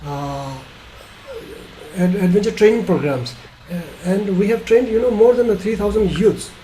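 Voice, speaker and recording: A middle-aged man with an Indian accent, giving an informal webinar talk as a tour operator in a halting, hesitant way. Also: sits high, warm tone. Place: small bedroom indoors, video call. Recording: slightly noisy video call.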